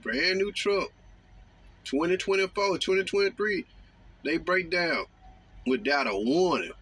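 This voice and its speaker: A man talking casually from his parked truck cab, drawling and mocking with slow, emphatic phrases, recorded on a phone on the dashboard. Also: high voice, expressive, a bit bright, breathy edge. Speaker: truck driver vlogger. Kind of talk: casual monologue.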